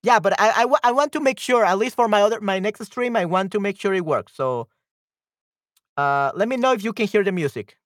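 Here the livestream host talks a little fast in a high, expressive voice, with no room sound. He's close to the mic, casually and hesitantly thinking aloud as he sorts out audio trouble.

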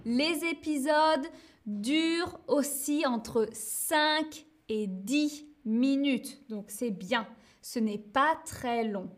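Woman teacher talking super slow, high voice, keeps repeating stuff for learners. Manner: slow and deliberate, repeats words, frequent "hein" and "euh". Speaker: French teacher. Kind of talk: slow learner-friendly explanation.

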